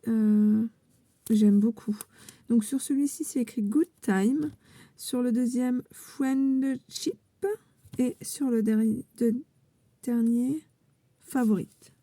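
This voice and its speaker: A woman vlogging about scrapbooking, showing and praising crafts she received while handling paper, with warm repeated compliments and frequent hesitations. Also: fairly high pitch, slightly rough. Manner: enthusiastic, repeats her praise, many hesitations. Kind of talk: casual show-and-tell vlog.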